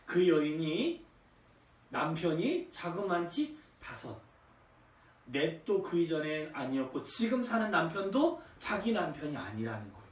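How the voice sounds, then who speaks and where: High-voiced male pastor preaching in echoey church. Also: big pitch swings, unhurried. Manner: conversational preaching, asks the congregation rhetorical questions. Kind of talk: sermon. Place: church sanctuary. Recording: echoey church, distant from mic.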